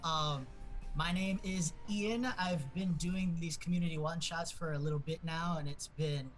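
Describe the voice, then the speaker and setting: A man's voice: fairly high pitch, steady tone, normal speed. A man casually introducing himself and his character as a player in a tabletop game. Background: music.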